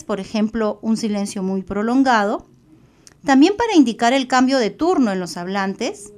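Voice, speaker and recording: Peruvian woman giving a psychology lecture. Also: on the high side. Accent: Peruvian Spanish. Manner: explanatory, with fillers and self-corrections. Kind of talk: recorded online lecture.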